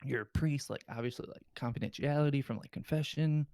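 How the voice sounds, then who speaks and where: A man's voice: mid-range voice, fairly quick, a little mellow, no room sound, studio quality, close to an everyday voice. A man voicing an eager female sex worker pushing a priest to use his power, in a comic movie recap. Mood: urging. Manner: pushy, encouraging.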